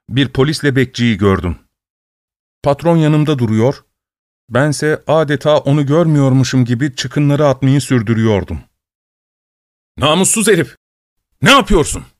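A man narrating a story in a steady, measured reading voice. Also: mid-range voice, no room sound, studio quality.

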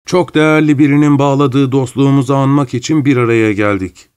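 A man reading an audiobook, voicing a fawning middle-aged widower who speaks in a shrill, affected, theatrical way. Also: fairly even intonation, brisk, a little mellow, smooth, natural voice. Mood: gushing. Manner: gushing, theatrical, overly familiar.

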